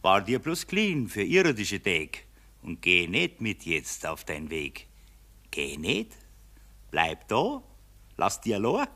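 An actor playing a gloating, mocking male spirit of money in a radio play, speaking with a Bavarian accent and swinging from loud jeers to low sneers. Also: huge pitch swings, slow, heavily acted.

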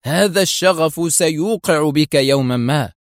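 A man voicing a menacing elderly male spymaster who shouts threats through clenched teeth. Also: mid-range voice, moderate pace, no room sound, studio quality, lightly acted. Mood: furious.

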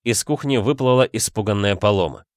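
A man narrating an audiobook in a steady, measured way. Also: on the low side, no echo, clean studio sound.

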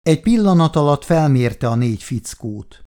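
A man narrating an audiobook in a steady, measured reading voice. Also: a little high. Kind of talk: scripted narration.

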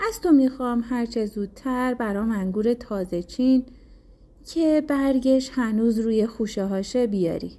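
Brief: storybook king, scheming and menacing, read by a woman narrator, mellow higher voice, commanding. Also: close to an everyday voice. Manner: commanding, issuing threats. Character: scheming king, lustful and threatening.

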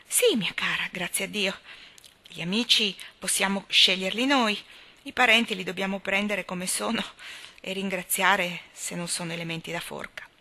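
A woman's voice: mid-range voice, moderate pace. A woman reading an audiobook, voicing a blunt, opinionated older spinster who scorns men. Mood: tart. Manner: tart, opinionated, sharp-tongued.

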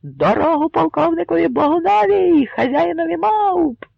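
A man voicing a bold, hot-tempered, joking Cossack with a loud, excited delivery, husky and gravelly, on a muffled recording. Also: high voice, moderate pace, no room sound, voice pushed up, heavily acted. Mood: loud alarmed.

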